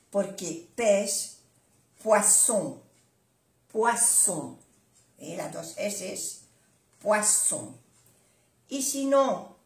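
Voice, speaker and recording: An older woman speaks very slowly and patiently, saying each word again and again as she teaches. Her voice sits at an ordinary middle pitch. The recording has a noticeable room echo. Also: a little mellow. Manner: patient, repeats each word several times. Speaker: language teacher. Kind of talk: slow, repetitive teaching. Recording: echoey room.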